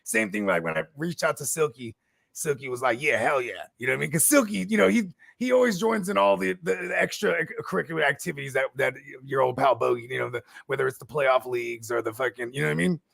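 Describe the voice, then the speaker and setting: A man co-hosting a casual live stream, rambling through animated stories, swearing and often adding "you know what I mean". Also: a little high, fast, vocal fry, dry recording, clean studio sound. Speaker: co-host, league commissioner.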